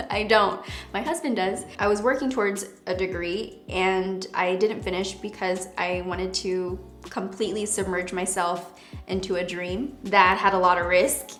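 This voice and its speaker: A woman in her thirties chatting casually to camera, laughing often and answering viewers in a relaxed way. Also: mid-range voice, echoey room. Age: 30s. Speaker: beauty YouTuber.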